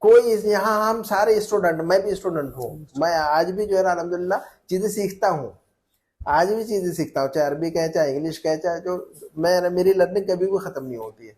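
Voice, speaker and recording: In a classroom language drill, a male Arabic teacher with a high, somewhat mellow voice speaks briskly, patiently repeating phrases and prompting students by name.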